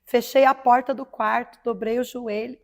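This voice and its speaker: A woman's voice: steady tone, gravelly. Fervent woman giving a faith testimony. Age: 30s. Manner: fervent, preacher-like, swelling louder and slower at high points. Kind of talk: emotional religious testimony.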